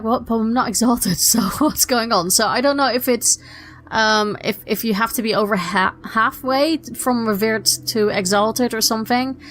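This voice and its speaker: A young woman hosts a casual solo podcast, chatting and rambling with lots of ums and quick self-corrections. Her voice is a little high and fairly bright, though slightly husky from a lingering illness.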